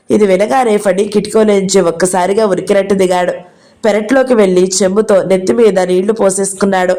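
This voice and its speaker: Woman audio-novel narrator, steady storytelling read. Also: medium pitch. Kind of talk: reading a novel aloud.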